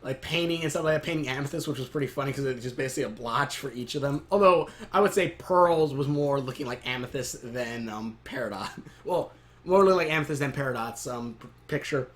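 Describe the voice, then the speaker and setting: A man casually reviewing a cartoon episode to camera in a rambling, excitable way. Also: medium pitch, a little fast. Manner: rambling, excitable recap with frequent laughs.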